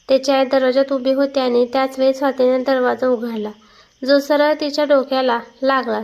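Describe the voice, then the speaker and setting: High-voiced woman reading a story. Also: gravelly. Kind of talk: scripted story narration.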